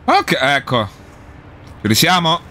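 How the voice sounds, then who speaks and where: A man's voice: fairly high pitch, wildly swooping pitch, slow, pushed and bright. A man giving casual let's play commentary, swearing and talking back at the enemies he fights. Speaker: gameplay streamer.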